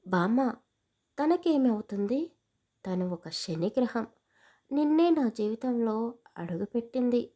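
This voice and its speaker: A woman's voice: on the high side, lively intonation, slow pace, long pauses, warm tone. A woman voicing a stern, angry young village man who scolds harshly in a storybook.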